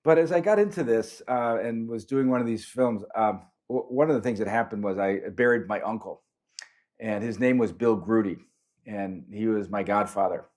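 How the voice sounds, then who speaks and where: Middle-aged man, lowish voice, anecdotal storyteller who animates his quotes, panel-talk register. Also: moderate pace. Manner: anecdotal, animated when quoting others. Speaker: priest and panelist.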